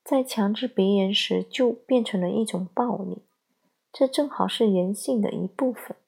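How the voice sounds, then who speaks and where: A woman giving calm, measured scripted narration of a parenting essay. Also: mid-range voice, vocal fry, husky. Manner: slow, measured, calm storytelling.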